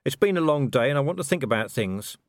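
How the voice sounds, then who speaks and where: A weary middle-aged watchman, dry and wry, talking low and tired, voiced by a male reader. The sound is close and dead. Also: animated, fast talker, no echo, close to an everyday voice.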